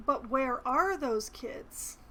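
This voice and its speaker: A woman talks through her video game playthrough in a casual way. Her voice is high. A faint noise runs under the recording. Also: animated, takes it slowly, bright, forceful tone. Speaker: player narrating a game playthrough.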